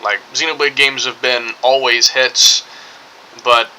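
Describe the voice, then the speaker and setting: A man's voice: mid-range voice, fairly even intonation, slow, bright, forceful tone, rough recording. A man giving casual, rambling game commentary, hedging often and circling back over his points. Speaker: gaming streamer.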